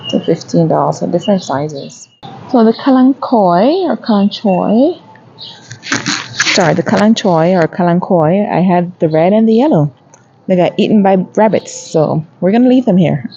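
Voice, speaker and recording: A gardening vlogger strolls through the garden center of a home improvement store, chatting casually and reading out plant prices for her shopping vlog. She has a fairly low, mellow voice with vocal fry. The highs are cut off, with slight background noise.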